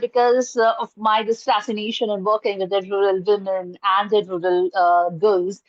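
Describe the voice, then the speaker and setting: With a mid-range voice and an Indian accent, a middle-aged woman from India, whose first language is Urdu, answers interview questions in earnest while using lots of fillers and restarts. She's a guest on the video call, a college professor and trainer, sitting indoors at home in front of a curtain. The sound is lo-fi, with no room sound.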